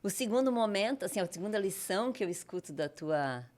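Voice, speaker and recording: A woman's voice: medium pitch, lively intonation, a little fast, darkish tone. A woman interviewing a guest, reflective and thinking aloud as she draws lessons from the story. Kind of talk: conversational podcast interview.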